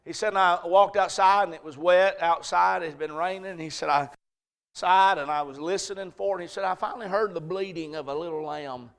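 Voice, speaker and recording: A man delivers a sermon from the pulpit, his voice sitting a little high for a man. He tells a story at an easy storytelling pace, then climbs into loud, shouted peaks at the key moments. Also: brisk. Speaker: pastor.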